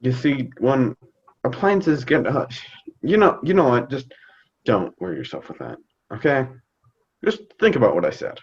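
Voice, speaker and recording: A man's voice: medium pitch, sing-song, normal speed, breathy edge, highs cut off. A man playing a fond, hesitant dad in a scripted stage comedy, fumbling for his words. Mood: awkward, fumbling. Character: fond, hesitant, slightly awkward suburban dad. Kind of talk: scripted youth theater comedy acting.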